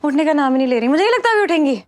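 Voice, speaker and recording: A young woman playing a daughter in a TV sitcom, talking quickly and fibbing to cover up. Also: high-pitched, lively intonation, dry recording. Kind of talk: TV sitcom acting.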